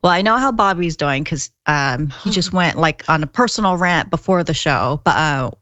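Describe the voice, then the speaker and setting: A woman's voice: deep voice, lively intonation, moderate pace, fairly bright tone, dry recording, highs cut off. A woman hosting a podcast in casual conversation. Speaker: podcast co-host. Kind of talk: casual chat.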